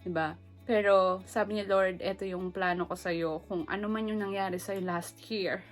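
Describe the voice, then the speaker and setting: A woman's voice: mid-range voice, fairly even intonation, moderate pace, soft background music. A middle-aged woman from the Philippines, vlogging in a chatty, emotional way that mixes English into her Tagalog, laughing often. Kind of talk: casual personal vlog.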